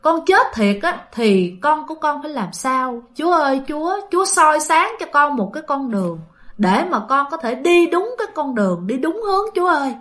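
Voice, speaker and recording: A woman's voice: fairly high pitch, big pitch swings, normal speed, fairly bright tone. A woman voicing an anxious widowed mother who prays tearfully. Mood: pleading. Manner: pleading, tearful in prayer.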